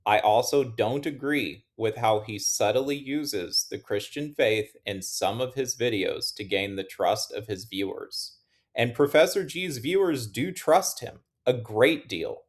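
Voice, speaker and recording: A man hosting an investing channel, giving measured, critical finance commentary in a scripted style. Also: medium pitch.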